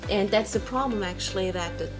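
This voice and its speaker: A woman's voice: mid-range voice, fairly quick, low-quality recording. A woman in casual interview conversation, hesitant and searching for her words as she gives her opinion. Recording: music clearly behind the voice. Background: music.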